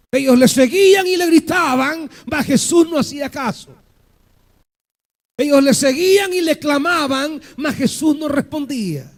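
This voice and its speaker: High-voiced impassioned preacher man. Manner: impassioned preaching with rhetorical questions and shouted peaks. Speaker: pastor. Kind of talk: sermon.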